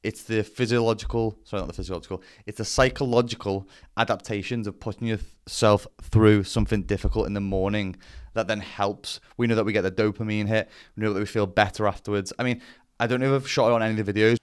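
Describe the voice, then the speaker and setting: A man's voice: on the low side, steady tone, fast talker, clean tone. A man giving a casual explainer as a vlogger, talking bluntly with some swearing and self-deprecation. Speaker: vlogger presenting to camera.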